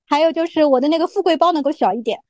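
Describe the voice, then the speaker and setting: A woman offers new year greetings and wishes in a relaxed conversational style. Her voice is very high, and it is recorded close and dry. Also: rapid-fire, no room sound. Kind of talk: casual group chat.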